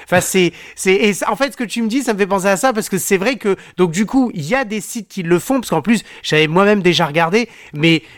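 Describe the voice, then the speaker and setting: A man's voice: sits high, brisk, hardly any pauses, no echo, clean studio sound. A man hosting a podcast in casual chat, rambling with many fillers and restarts. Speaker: podcast host.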